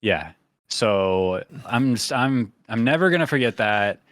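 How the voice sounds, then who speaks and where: A man hosting a podcast in casual chat, rambling with lots of fillers and getting animated when he tells a story. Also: fairly low pitch, unhurried, dry recording, clean studio sound. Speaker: podcast host.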